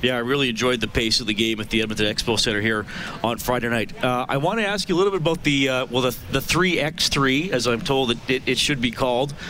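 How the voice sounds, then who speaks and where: A Canadian man hosts a live radio sports show in a bright, punchy voice. He chats conversationally, in the manner of someone running a call-in contest promo. There is light background noise under his voice. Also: mid-range voice, quick pace. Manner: conversational, chatty. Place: live radio broadcast from a ballpark.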